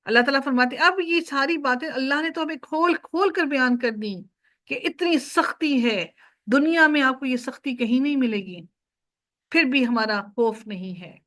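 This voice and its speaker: A woman's voice: high-pitched, normal speed, fairly bright tone. A woman giving a Quran commentary lecture, earnest and pleading, full of rhetorical questions. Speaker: Quran teacher.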